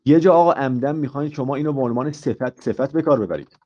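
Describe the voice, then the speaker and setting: A man with a mellow, darker voice teaching an IELTS lesson on a live stream. He quizzes his students, walks through each point step by step and switches into English for example phrases. The audio is a little muffled. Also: medium pitch. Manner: asks the class questions and explains step by step. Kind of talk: live online grammar lesson.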